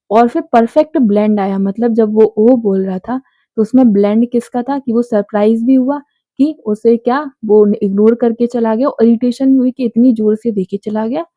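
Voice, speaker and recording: A woman explaining an English chapter line by line, reading each line slowly and then explaining it in casual Hindi. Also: a little high, dark tone, dry recording.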